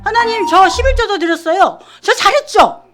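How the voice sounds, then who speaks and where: A woman's voice: extremely high pitch, animated, normal speed, over music, voice pushed up. A woman voicing a smug, boastful hypocrite who shows off his prayers in a preening, sing-song way.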